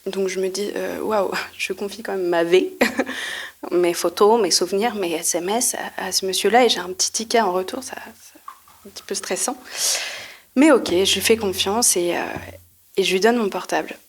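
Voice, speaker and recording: A woman's voice: medium pitch, normal speed, slightly rough. A young woman telling a funny personal story at a live podcast recording, in casual slangy speech, acting out what she thought back then. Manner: lively and slangy, acts out her own past thoughts. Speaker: guest storyteller.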